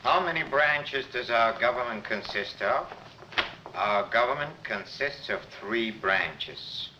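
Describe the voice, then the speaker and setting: An actor playing a slow-witted, menacing henchman in a laboured, halting manner in an old 1940s comedy film. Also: medium pitch, highs cut off, noisy background.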